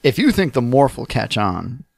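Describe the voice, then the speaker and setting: Tired, joking male podcast co-host, mid-pitched voice, dry close recording, full of quick riffs. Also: big pitch swings, vocal fry, no room sound. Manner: jokey, quick riffs, frequent laughs. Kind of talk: casual chat.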